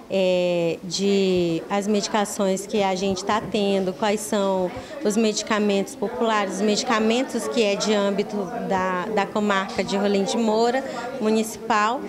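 Busy chatter fills the small pharmacy office where a middle-aged woman with a Brazilian accent, speaking for the municipal pharmacy staff, gives an explanatory interview answer indoors. Her mid-range voice shows little pitch movement at a normal speed, and she sometimes repeats words into the handheld reporter's microphone.

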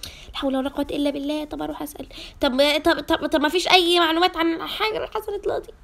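A woman's voice: high voice, steady tone, rapid-fire, vocal fry, a bit bright. A woman with an Egyptian accent voicing a worried hospital visitor asking after a patient in a storybook role-play. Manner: anxious, pious exclamations.

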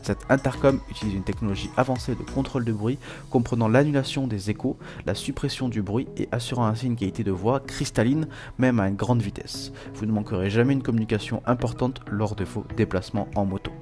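A man reads a scripted product review as a voice-over, stumbling slightly and correcting himself along the way. His medium-pitched voice moves fairly quickly, and background music plays beneath it.

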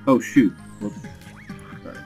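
A young man giving casual, excitable gameplay commentary as a let's play host. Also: soft background music. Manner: excitable, quick reactions.

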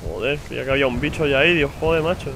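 A man's voice: fairly high pitch, very fast, creaky, a bit bright, a little hiss or hum. A young man with a Spain Spanish accent commenting on his gameplay, swearing in frustrated outbursts and muttering to himself. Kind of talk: let's play commentary.

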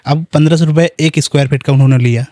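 A man's voice: fairly high pitch, steady tone, racing, a little mellow, dry recording, studio quality. A man in his thirties, a grocery mart consultant, explaining costs with examples in an interview on a podcast mic. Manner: explains with examples, gestures a lot. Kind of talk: interview answers. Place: studio set with armchairs. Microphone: boom-arm podcast mic.

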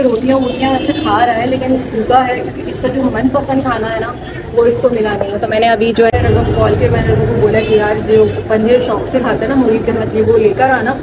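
A woman's voice: on the high side, very noisy. Young woman vlogger chatting to her phone. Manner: chatty, talks straight to camera. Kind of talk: casual home vlog. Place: home rooms and kitchen, indoors. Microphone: phone camera at arm's length.

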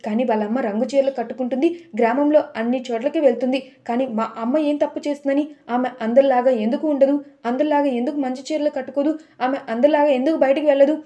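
A woman's voice: high-pitched, fairly quick, warm tone, lightly acted. A woman voicing a stubborn, angry little boy who insists on being answered, in a storybook retelling. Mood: stubborn, defiant. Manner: insistent, defiant.

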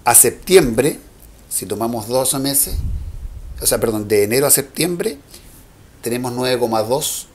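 A man's voice: medium pitch, expressive, a little slow, pauses often, slight background noise. A man, an electricity regulator official, explaining technical matters in an interview with fillers and self-corrections.

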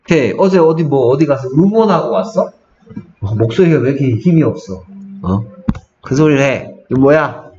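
A man's voice: mid-range voice, lively intonation, normal speed, warm tone, slight background noise. A man tutoring English phonics one-on-one, quizzing his student on letter sounds. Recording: dull lo-fi audio with music.

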